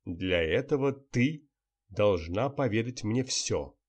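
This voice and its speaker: A man doing a calm, steady journalist. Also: lowish voice. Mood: insistent. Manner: calm, measured, insistent. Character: calm, persistent male journalist.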